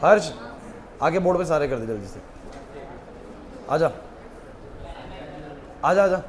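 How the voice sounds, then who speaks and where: A man's voice: a little high, lively intonation, takes it slowly. A male teacher in a classroom, urging and scolding his students. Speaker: chemistry teacher.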